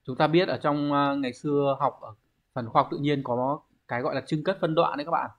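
A male Japanese teacher speaks a little fast, in a slightly high voice with a steady tone. During an online exam review lesson, he explains word readings and checks in with the class using rhetorical questions.

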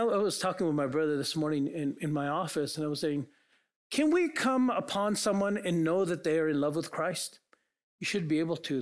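A man preaching a sermon as pastor, earnest and full of rhetorical questions put to the congregation. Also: on the high side. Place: church.

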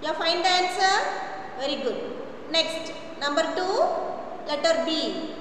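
A middle-aged woman teaching young children, drilling phrases deliberately in a repetitive, sing-song classroom manner. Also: extremely high pitch, expressive. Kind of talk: slow classroom phonics lesson with repetition. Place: classroom in front of a chalkboard, indoors. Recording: echoey room, distant mic, faint noise.

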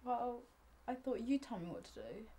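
A young woman playing a timid, ashamed seventeen-year-old girl who speaks quietly and falters. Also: a little high, very animated, moderate pace.

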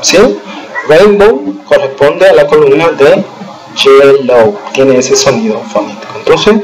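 A man teaching an English lesson to schoolchildren, explaining slowly and patiently and pausing to check they follow, slowing down to spell out example sentences. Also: medium pitch, expressive, poor audio. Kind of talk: recorded remote lesson over slides.

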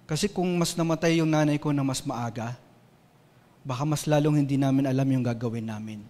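A man's voice: medium pitch, a little fast, warm tone. A Filipino man preaching a sermon in a church, telling a personal story with earnest, sometimes emotional feeling. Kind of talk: sermon mixing Tagalog and English. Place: church hall. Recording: long hall reverb.

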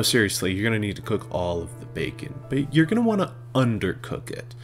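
A young man narrating a home cooking video as a voice-over, with deadpan asides and sudden bursts of exasperation. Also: mid-range voice. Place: home kitchen.

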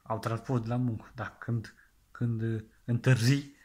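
Guy rambling through a comedy bit, earnest, keeps restarting his sentences, mid-pitched voice. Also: level tone, darkish tone. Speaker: comedian playing an extreme penny-pincher. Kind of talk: comedic monologue sketch.

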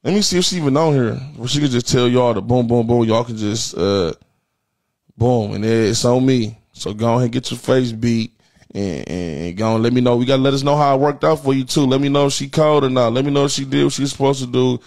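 Here an American man in his thirties hosts a comedy livestream, trading casual, profane, repetitive slang-heavy banter from an indoor studio with a printed backdrop behind him. His voice is medium-pitched and somewhat darkish, and he talks a little fast.

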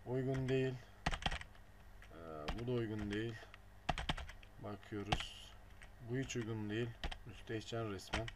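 A man's voice: mid-range voice, fairly even intonation, unhurried, long pauses. A man giving a casual screen-recording tutorial, muttering along as he clicks and dropping blunt offhand jokes. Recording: noisy home recording with keyboard clicks. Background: keyboard and mouse clicks.

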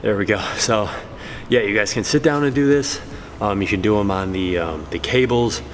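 Speaking at a normal speed in a lowish voice, this man in his thirties offers laid-back workout advice between sets, sprinkling in fillers. He's a trainer who vlogs, recorded through the mic on his stand-mounted camera in a reverberant gym with a little background noise.

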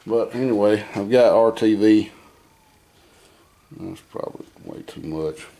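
A man's voice: lowish voice, measured pace, warm tone. A man casually explaining an engine job as he works, thinking aloud and muttering to himself in a dim workshop. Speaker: home mechanic. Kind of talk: casual how-to demonstration.

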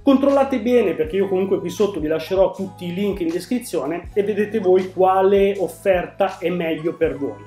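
A tech channel host in his 40s presents a product to camera in a casual, explanatory, conversational way. His voice is high and mellow, at a moderate pace with few pauses. He's indoors in a small room at home, with echo and music underneath.

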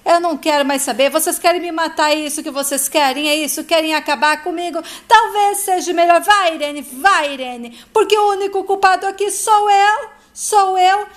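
A stern, exasperated middle-aged father lays down the law in firm, scolding bursts, as a woman retelling a soap opera plays him. The voice stays high throughout, and he repeats himself when angry. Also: fairly even intonation, fast talker, hardly any pauses, natural voice. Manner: firm, scolding, repetitive outbursts.

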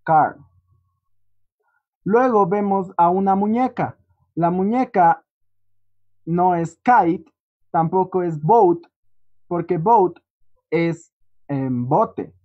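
A teacher leads an online class at an unhurried pace, pausing to check in with a questioning "¿sí?". The voice comes through a computer mic on muffled, lo-fi audio. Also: mid-range voice, lively intonation. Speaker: English teacher.

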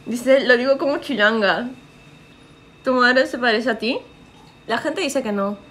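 A woman's voice: on the high side, unhurried, fairly bright tone, a little hiss or hum. A young woman with a Peruvian accent chatting on a livestream, reading out comments and joking. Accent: Peruvian Spanish. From Peru. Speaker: streamer.

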